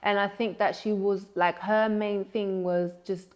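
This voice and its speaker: A woman's voice: medium pitch, level tone, unhurried. A young woman guest chats in an easygoing, conversational way. She often circles back with "like" and "um" as she explains her background. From Netherlands. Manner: chatty, frequent "like" fillers. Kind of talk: casual interview chat.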